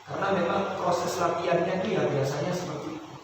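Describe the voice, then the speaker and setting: A man with a Javanese accent teaching Quran recitation melodies, his voice tired, explaining and then chanting verses slowly. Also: high-pitched. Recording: echoey hall, distant mic, noisy.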